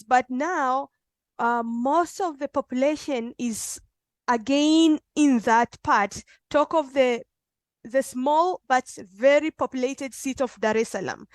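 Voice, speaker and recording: A woman with a Tanzanian accent giving a halting, unscripted answer as a conference panelist. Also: sits high, dry recording. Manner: halting, with frequent pauses.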